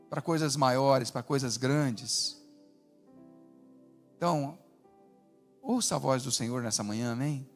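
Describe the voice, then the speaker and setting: Male pastor, lively preaching delivery, high voice, big reverberant hall. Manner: animated preaching with acted quotes, rising and dropping to a hush. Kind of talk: sermon. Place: large church hall. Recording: long hall reverb with faint music.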